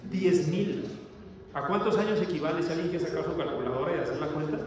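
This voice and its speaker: A man's voice: fairly high pitch, a little fast, a little mellow. A man preaching a sermon, reading verses aloud and asking the congregation questions as he explains them. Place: church hall. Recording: echoey church hall, distant mic.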